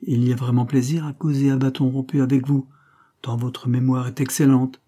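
A man's voice: mid-range voice, level tone, normal speed, mellow, pitched above the performer's own voice, lightly acted. A man reading an audiobook, voicing a scornful, domineering creole woman who talks in a cold, mocking tone. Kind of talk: audiobook character voice.

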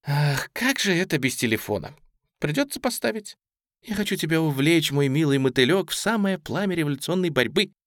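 Man voicing a theatrical young woman, gushing, high and lively, dry close sound. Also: fairly quick, no room sound.

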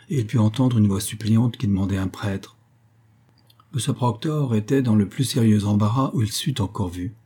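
Low, husky male narrator. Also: mellow. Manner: measured, literary reading. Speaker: audiobook narrator. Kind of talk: scripted narration of a classic novel.

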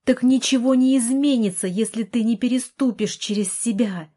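Lady doing exasperated big sister, pleading and yelling, higher and louder, dark mellow tone. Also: fairly even intonation, unhurried, husky. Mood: desperate. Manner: pleading, shouting. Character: exasperated devoted older sister, a doctor.

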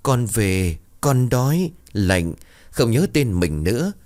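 A man's voice: medium pitch, very animated, slow pace, darkish tone, no echo, clean studio sound, pitched above the performer's own voice. A man voicing the ghost of a young man, cold and lost, pleading in a raised, thin voice. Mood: mournful.

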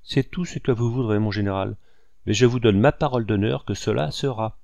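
A man reading aloud voices a calm, resolute male hunter who speaks coolly and firmly. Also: fairly low pitch, creaky, no room sound, highs cut off. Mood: cold. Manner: cool, firm and measured.

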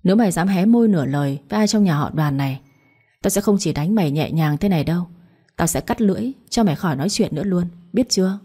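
A woman's voice: fairly low pitch, expressive, fast talker, dark tone, breathy edge. A woman voicing a cruel middle-aged stepmother who speaks coldly and with contempt. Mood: threatening. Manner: cold, commanding, contemptuous.

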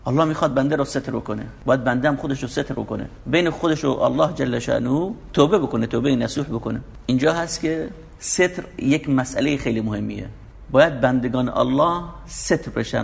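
Gravelly-voiced man preaching. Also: mid-range voice. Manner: explains Quranic verses line by line, emphatic and urging. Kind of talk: sermon.

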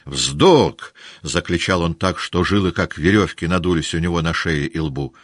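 A man with a low, deep voice narrates a classic novel in a measured, even way. The sound is dry and close, with no room echo. He tells the story steadily. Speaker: audiobook narrator. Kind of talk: literary audiobook reading.

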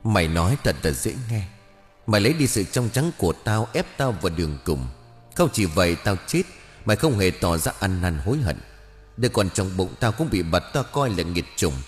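A man's voice: deep voice, sing-song, normal speed, big-room sound, faint music behind. A man voicing the vengeful ghost of a young woman, bitter and grieving, spitting out harsh words in an audio ghost story. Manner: harsh, spits words one by one.

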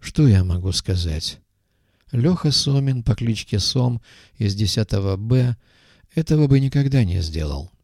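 A man's voice: lowish voice, expressive, measured pace, a little mellow, no echo, clean studio sound. A man reading an audiobook voices a thoughtful middle-aged army doctor who speaks reflectively and without haste.

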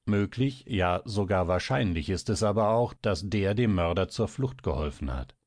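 Ein Mann spricht einen mürrischen, ungeduldigen älteren Doktor in einem Hörbuch, mit tiefer, brummender Stimme. Trocken und nah aufgenommen. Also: male voice, deep voice, animated, moderate pace, darkish tone, no room sound, clean studio sound. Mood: grumbling. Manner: grumbling, impatient. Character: gruff, irritable older male doctor.

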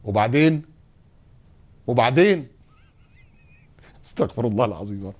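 A man with an Egyptian accent preaching a lively sermon, asking rhetorical questions and acting out little scenes. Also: medium pitch, moderate pace. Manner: animated, rhetorical, acts out scenes.

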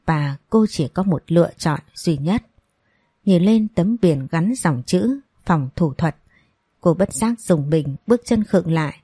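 A woman narrating a dramatic audio story in a steady storytelling manner. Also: on the low side, a little slow, breathy edge, no room sound, clean studio sound.

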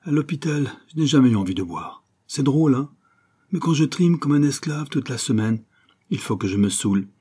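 A man voicing a rough, hard-drinking laundry worker whose raised, excitable voice slurs and mumbles when he's drunk. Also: medium pitch, normal speed, voice pushed up. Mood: excited, rowdy. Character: rough, boozy laundry worker, lamenting and wild. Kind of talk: audiobook character voice.

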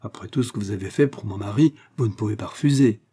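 A man's voice: on the low side, fast talker, breathy edge. A man voicing a polite young woman in an audiobook. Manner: polite, gentle. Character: gentle young foreign wife.

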